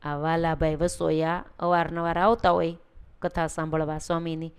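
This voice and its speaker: A woman narrating a devotional story in a lively, conversational way. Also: low voice, moderate pace, clean tone. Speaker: religious storyteller.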